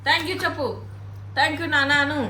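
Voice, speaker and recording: Woman, higher voice, playful teasing tone, echoey room, noisy background. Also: little pitch movement, a little slow, bright, forceful tone. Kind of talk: casual family chat. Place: home.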